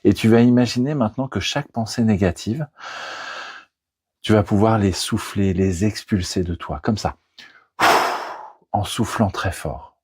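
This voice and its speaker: A man leading a guided hypnosis session in a soothing, deliberate manner, as a trainer speaking into a close microphone. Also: on the low side, darkish tone, husky, no room sound. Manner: soothing, slow, deliberate guiding delivery.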